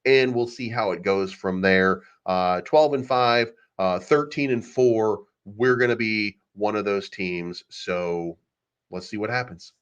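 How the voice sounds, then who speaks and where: A man's voice: fairly low pitch, takes it slowly, clean tone. Man, sports podcast host, ranting fan commentary, repeats himself, slightly dull audio. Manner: ranting, repetitive, emphatic.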